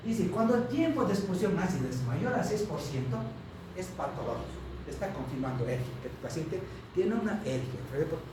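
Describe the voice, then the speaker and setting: A man's voice: high voice, very animated, fairly quick. A man giving a medical lecture to students, who keeps checking in with his class as he talks. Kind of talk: university lecture. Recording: very echoey room, distant mic, noisy.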